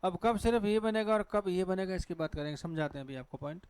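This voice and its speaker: A man with a high voice and a Hindi accent teaches an English pronunciation lesson in a classroom with a board. He talks fast, with a clean, slightly mellow tone and no room sound, posing questions to the class and answering them himself.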